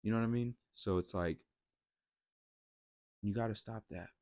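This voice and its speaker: Blunt, low-voiced man ranting casually. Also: moderate pace, a little mellow, no room sound. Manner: blunt, profane, rambling with restarts. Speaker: podcast host. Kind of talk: casual motivational monologue.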